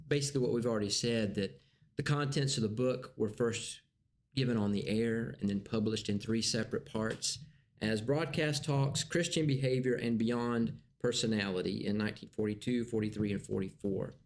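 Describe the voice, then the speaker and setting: A man teaching a church class in a conversational, halting way, with many restarts. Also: mid-range voice, creaky. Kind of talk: casual teaching.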